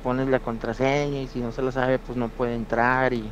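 A man's voice: mid-range voice, flat delivery, moderate pace, slight background noise. A man in his forties, a seller, talking earnestly and patiently over a phone call. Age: 40s. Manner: earnest, patient, explains plainly. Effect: heard over a phone call. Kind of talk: casual phone conversation. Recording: dull lo-fi phone line.

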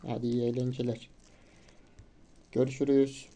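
Man, gameplay commentary, reads game text aloud, mellow voice, bursts of excitement. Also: mid-range voice, normal speed. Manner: gets loud and excited during tricky moments, casual swearing; reads game dialogue in a plain voice. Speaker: gamer.

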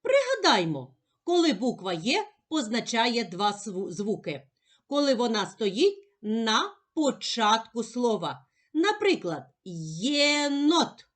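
Slow sing-song woman teaching children. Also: a little high, very animated. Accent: Ukrainian. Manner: gentle, sing-song teacherly, over-enunciated. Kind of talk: slow, clear phonics lesson for young children.

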